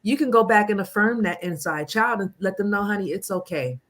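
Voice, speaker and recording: A woman in her forties speaks as a guest coach, earnest and animated. She tells personal stories in a casual interview, at an ordinary middle pitch. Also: brisk. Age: 40s. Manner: earnest, animated storytelling with mimicked voices.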